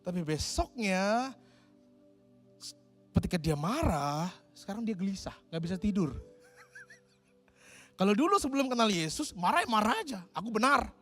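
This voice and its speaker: A man preaching a sermon in a lively, conversational way, often turning to his listeners directly and acting out the inner voices of a struggling believer. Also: high voice, unhurried, long pauses, faint music behind. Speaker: pastor.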